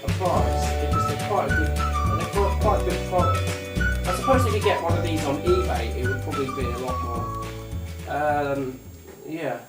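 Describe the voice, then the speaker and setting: A gadget review YouTuber gives a casual, unscripted demonstration at an indoor tabletop, away from the mic, rambling hesitantly and often repeating his phrases. His voice is on the high side, unhurried but with hardly any pauses. The recording is roomy and distant, with faint hiss and clicks and loud music behind the voice.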